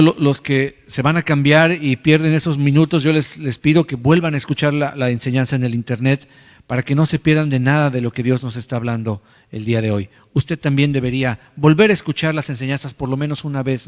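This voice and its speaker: A man's voice: fairly high pitch, in a large hall. A man preaching a sermon as pastor, in a conversational way with many repeated words. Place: church hall.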